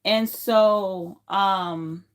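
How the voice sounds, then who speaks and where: A Haitian woman around thirty, aged late 20s to early 30s, hosts a livestream and tells personal stories informally and emphatically, repeating phrases. English isn't her first language; she learned it as a teenager. Her voice is medium-pitched with fairly even intonation and drawn-out words.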